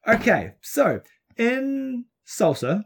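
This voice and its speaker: A man's voice: very high-pitched, big pitch swings, drawn-out words, gravelly, breathy edge. A man with a broad New Zealand accent chatting casually as a podcast co-host, explaining things in an informal, self-deprecating way. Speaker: podcast co-host and dance teacher. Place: outdoors on a front deck at home.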